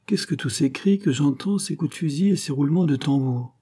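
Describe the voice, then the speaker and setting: A proud, wary prince speaks with haughty command, as a male narrator voices him. The tone is mellow and a little husky. It is a role from a read-aloud adventure story. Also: on the high side, brisk, pitched above the performer's own voice.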